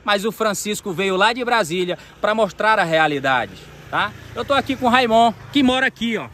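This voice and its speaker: A political vlogger from Maranhão, Brazil, films himself outdoors by a dam on a phone camera in selfie framing, combatively calling out and directly addressing the president while gesturing emphatically. His voice sits high, with lively intonation, normal speed, and a pushed, bright quality; slight background noise is present.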